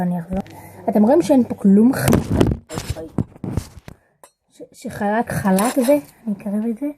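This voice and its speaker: A girl in her early teens chatting casually to the camera in a home video, often searching for words and getting excited. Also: mid-range voice. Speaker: vlogger. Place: home bedroom.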